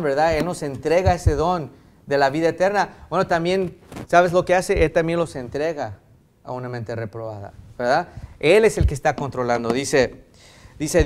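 A middle-aged male pastor preaching a sermon, emphatic and repetitive, slipping into conversational family stories. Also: on the high side. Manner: retells family anecdotes in conversational tone.

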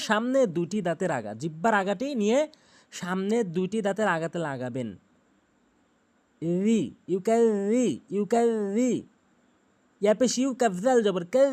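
A man teaching Quran pronunciation, chanting each word slowly and drawn out, then explaining the sounds in plain speech. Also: high voice, a little mellow. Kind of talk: tutorial on Arabic pronunciation.

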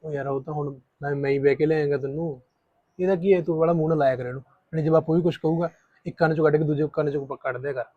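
A man's voice: on the high side, fairly even intonation, fast, no room sound, natural voice. An actor playing a callous young husband who brushes off his first wife and sweet-talks his new one. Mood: offhand. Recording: dry, tinny phone-like sound.

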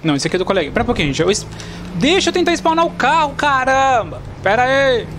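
Excitable Brazilian gamer man, high voice. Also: quick pace, slight background noise. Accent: Brazilian Portuguese. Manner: excitable, chatty, talks to viewers. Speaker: gaming channel host. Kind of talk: casual gameplay commentary. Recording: loud car and game sounds behind.

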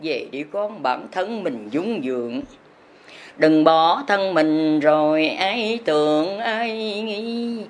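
Chanting her sermon in long, sing-song verse, a female religious teacher spurs her listeners on. She has a low, animated voice.

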